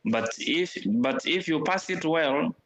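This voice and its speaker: A man's voice: on the high side, animated, slow, a bit bright. A young man from Uganda, talking as a guest over a video call from a veranda, hesitant and often restarting. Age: young adult. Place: veranda outdoors.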